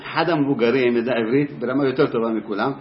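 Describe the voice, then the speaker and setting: A man, a teacher, telling a personal story in a lively first-person way, briefly acting out the voices of the people in it. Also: mid-range voice. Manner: lively, acts out voices in his anecdote. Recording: roomy, dull lo-fi sound.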